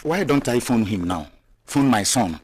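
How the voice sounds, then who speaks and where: A man's voice: medium pitch, big pitch swings, normal speed, a little mellow, breathy edge, dry recording. A man with a Nigerian accent playing a hospitable older friend who reassures a worried guest in a film. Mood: reassuring. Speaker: J K, a family friend. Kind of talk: Nollywood film acting.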